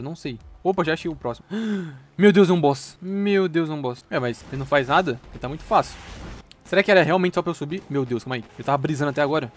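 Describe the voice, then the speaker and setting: Excitable fast-talking Brazilian gamer man. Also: on the high side. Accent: Brazilian Portuguese. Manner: excitable, exclaims and repeats himself; heavy slang, mutters to himself. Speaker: gaming youtuber. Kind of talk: casual gameplay commentary.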